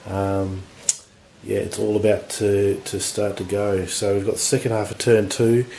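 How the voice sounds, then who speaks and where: A man with a husky voice from recent illness, giving relaxed, rambling commentary on a tabletop battle. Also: lowish voice, a little slow. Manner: relaxed, rambling, lots of fillers. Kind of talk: casual game commentary. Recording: echoey room with faint noise.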